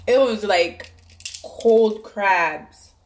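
A woman's voice: medium pitch, lively intonation, drawn-out words, slight background noise. A woman vlogger telling a rambling story while eating crab, repeating words for emphasis. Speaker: mukbang vlogger.

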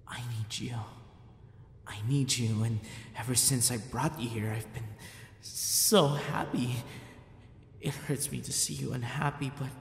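A voice actor plays a gentle but possessive yandere captor in an ASMR boyfriend roleplay, speaking softly and breathily and often sinking into whispers. The recording has roomy reverb and a faint rumble.

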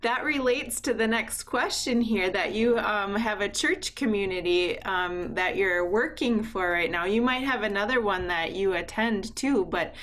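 A woman's voice: mid-range voice, measured pace, few pauses, a bit bright. Woman interviewer on a video call, friendly and welcoming.

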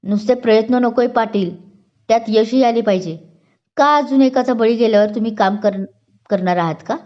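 A woman's voice: fairly high pitch, moderate pace, natural voice. A woman voicing a stern, angry male police superior who scolds and makes impatient demands. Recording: dull lo-fi recording.

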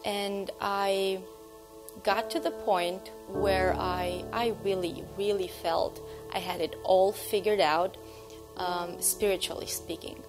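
A woman in her thirties from Romania, a church member telling her personal testimony on camera, measured and reflective, with "um" pauses. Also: mid-range voice, steady tone. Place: indoor room. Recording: music bed underneath.

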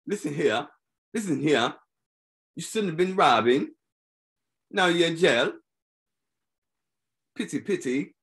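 A man's voice: on the high side, lively intonation, slow, creaky, pauses often, a bit bright, heavily acted. A man putting on a mock-posh British voice to scold a jailed thief in a comic, tut-tutting way. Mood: mock-prim.

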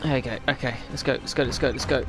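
A man commenting on a game he is playing, excitable, swearing and muttering to himself. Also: medium pitch, fast talker, music in the background. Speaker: gaming YouTuber. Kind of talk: let's-play commentary.

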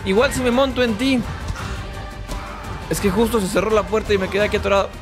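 A man commenting casually on his gameplay, excitable and cursing at the game, often shouting. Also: high-pitched, fast talker. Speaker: gaming channel host. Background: game music and gunfire.

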